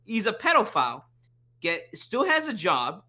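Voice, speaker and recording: A podcast co-host rambling in casual chat, profane, with many fillers and restarts. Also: male voice, high voice, wildly swooping pitch, moderate pace, sharp tone.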